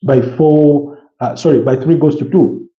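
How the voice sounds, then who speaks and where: A man's voice: on the high side, fairly even intonation, measured pace. A man in his early thirties, a football pundit on a casual talk show, rambling with many fillers and restarts as he lists player names. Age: early 30s. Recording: roomy, dull lo-fi sound.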